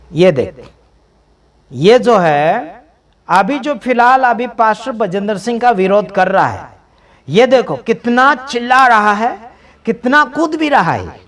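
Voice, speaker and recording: A man's voice: very high voice, a bit bright. A man giving emphatic, preaching-style commentary over video clips, repeating phrases for stress. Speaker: video commentator for a healing ministry.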